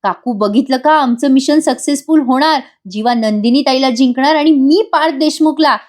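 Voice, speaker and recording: A woman's voice: high voice, normal speed, darkish tone, lightly acted. A woman playing a coaxing young daughter-in-law. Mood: affectionate. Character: cheerful young daughter-in-law, affectionate and teasing.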